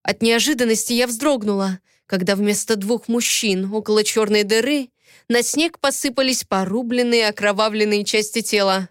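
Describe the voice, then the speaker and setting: Woman narrator, expressive first-person audiobook read, smooth clean voice, dry close sound. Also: medium pitch, moderate pace, dry recording.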